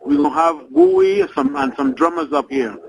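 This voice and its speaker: A man's voice: very high-pitched, huge pitch swings, normal speed, gravelly, rough recording. A man chatting casually as a phone-in guest on live radio, informally repeating his phrases. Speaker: cafe owner calling in as guest. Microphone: phone call.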